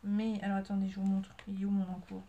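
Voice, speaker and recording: A woman's voice: medium pitch, completely flat delivery, fast talker, warm tone, dull audio. A woman, a mother, chatting casually to her viewers in a rambling, self-mocking way with many fillers. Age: adult with a child. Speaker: sewing and knitting vlogger. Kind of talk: casual chat to camera.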